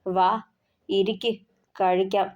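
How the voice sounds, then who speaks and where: A woman's voice: medium pitch, flat delivery, takes it slowly, darkish tone, close to an everyday voice. A woman reading as a stern, caring young husband. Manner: gruff, scolding, then pleading.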